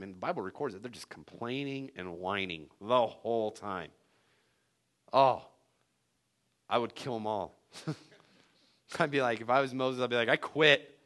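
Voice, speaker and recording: A male preacher telling a Bible story in a sermon, animated and joking. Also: mid-range voice. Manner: animated storytelling with jokes and laughs.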